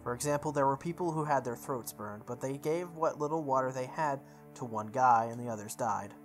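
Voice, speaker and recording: Someone reads visual novel text aloud for a playthrough in a mid-range voice at a fairly quick pace, stumbling over words, repeating phrases and tossing in offhand asides. Music plays in the background.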